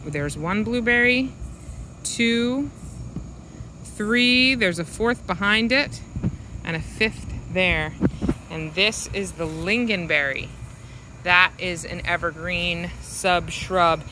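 A woman with a bright, crisp voice talks slowly and fondly as she walks her garden, naming plants one by one. She films herself from behind a handheld phone outdoors, and faint traffic hums in the background. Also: on the low side, poor audio. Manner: unhurried, explanatory, fond of her plants. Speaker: home gardener giving a garden tour. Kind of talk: casual walking garden tour. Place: outdoors in a suburban yard garden. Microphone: handheld phone camera, speaker behind it.

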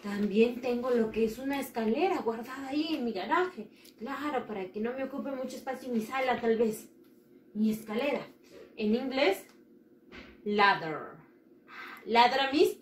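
A woman teaching children English vocabulary, repeating each word slowly for them to copy. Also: fairly high pitch, a bit bright, distant mic, slight background noise. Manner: drills words slowly with repeated pronunciation. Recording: roomy echo with faint ambience.

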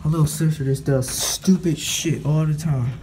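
A young American man with a higher-pitched voice speaks in a steady tone at moderate pace, filming a thunderstorm from his window indoors. His casual vlog commentary is blunt and full of profanity, first scolding and then muttering. The background is noisy.

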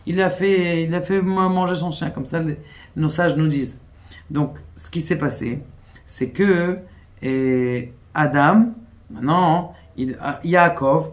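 Rabbi, male, lively storyteller, fairly high-pitched, peppers lesson with questions. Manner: storytelling, rhetorical questions, acts out quoted pleas. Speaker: rabbi teaching Kabbalah. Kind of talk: animated Torah lesson.

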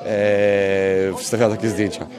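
A man around thirty, a fighter answering reporter questions at an outdoor event, stumbling and restarting his words. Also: crowd noise. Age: 30s. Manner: halting, restarts words, lively pitch. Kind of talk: press interview. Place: outdoor event media wall. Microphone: handheld reporter mic.

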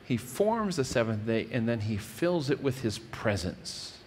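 This thirties-aged pastor explains scripture earnestly in a sermon on a wood-paneled church stage, repeatedly beginning phrases again. His medium-pitched, slightly mellow voice swings widely in pitch yet never hurries. There is some hiss or hum, along with church hall reverb.

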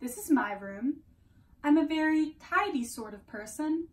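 A woman's voice: high-pitched, animated, a little slow. A young woman playing a lonely, earnest teenage girl who confides in her invisible friend, in a theatrical, wistful dramatic monologue. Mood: chatty, eager. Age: young adult. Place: small room at home, indoors. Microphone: camera a few metres away. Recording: distant microphone in a room.

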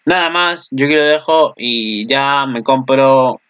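A young man with an accent from Spain, giving casual anime commentary, excitable and swearing freely while laughing at himself. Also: medium pitch, measured pace, smooth, lo-fi sound.

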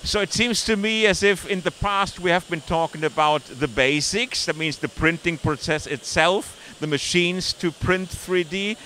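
Upbeat host at a busy trade fair. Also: male voice, high voice, moderate pace, hardly any pauses, pushed and bright. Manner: upbeat, stumbling restarts. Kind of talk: trade fair walking interview. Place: busy indoor exhibition hall. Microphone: handheld mic held close. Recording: faint trade-fair crowd noise.

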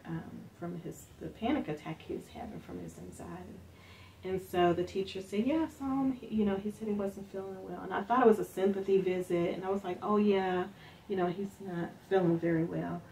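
Soft-spoken woman, distant mic. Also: fairly low pitch. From Northern Kentucky. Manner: soft-spoken, many fillers, acts out quoted speech. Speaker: interviewee. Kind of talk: personal storytelling interview. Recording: distant mic with faint background hiss.

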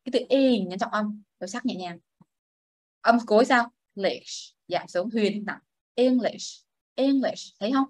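A female English teacher's mid-range voice, at a moderate pace, carries a classroom pronunciation lesson. The recording is dry, and she patiently models words and explains them for students to repeat.

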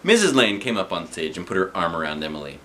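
With a low voice and a quick pace, a man in his thirties reads a children's book aloud from his living room sofa. He animates it with playful character voices and asides, and a little hiss or hum is audible.

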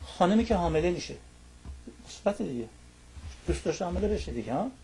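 A man's voice: sits high, sing-song, dark tone, breathy edge. A man explaining a topic as a studio guest on a talk show. He lectures in long lists and keeps checking in with his listener through little tag questions.

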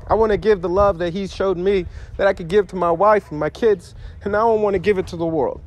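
Man, pastor, high voice, impassioned pleading sermon, hushed to rising. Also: fairly even intonation, a little fast.

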